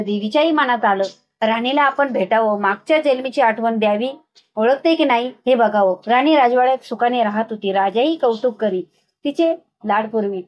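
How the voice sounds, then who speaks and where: A woman narrating a devotional folk tale in a steady, recited storytelling cadence. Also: a little high, lo-fi sound.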